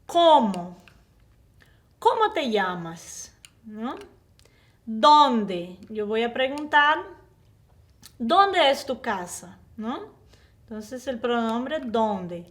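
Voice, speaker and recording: Slow-speaking high-voiced woman teacher. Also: very animated, a bit bright. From Brazil. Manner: patient, explains slowly with frequent tag questions. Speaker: Spanish teacher. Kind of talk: online language lesson.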